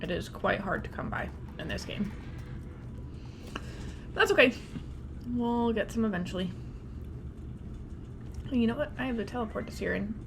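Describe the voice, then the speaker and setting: A woman's voice: fairly high pitch, animated, moderate pace, creaky, long pauses, noisy background. A woman giving casual gameplay commentary as the host of a walkthrough. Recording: game music behind.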